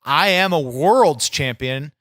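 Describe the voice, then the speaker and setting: Speaking slowly but with animation, a man whose voice is a little high and fairly bright plays a brash, foul-mouthed wrestler on an improvised comedy podcast. The persona is bitter, crude and touchy, and the studio-quality recording is dry.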